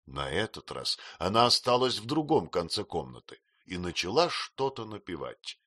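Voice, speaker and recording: Expressive male audiobook narrator. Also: sits low, moderate pace, no echo, clean studio sound. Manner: expressive storytelling.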